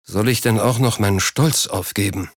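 A man's voice: on the low side, normal speed, no echo, clean studio sound. A man reading an audiobook, voicing a proud, driven businessman who speaks curtly and a little irritably. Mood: defensive. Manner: curt, slightly irritated. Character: proud driven businessman, middle-aged, terse. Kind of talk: audiobook character voice.

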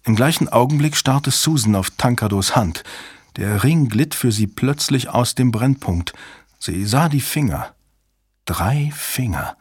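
A man narrating a thriller audiobook in a steady, measured way. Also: mid-range voice, husky, no room sound, clean studio sound. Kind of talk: scripted narration.

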